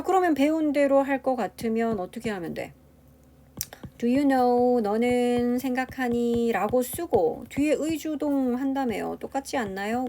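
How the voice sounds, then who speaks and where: A woman's voice: fairly high pitch, warm tone. Woman teaching grammar step by step. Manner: explains step by step, asks rhetorical questions. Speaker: English teacher. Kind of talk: grammar lecture.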